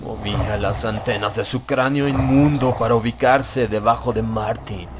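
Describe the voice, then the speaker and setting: This horror audiobook reading comes from a man with a lowish voice at a moderate pace, his intonation fairly even. His first-person narration is dramatic and grave, building suspense. Loud music sits under the voice, making the background noisy.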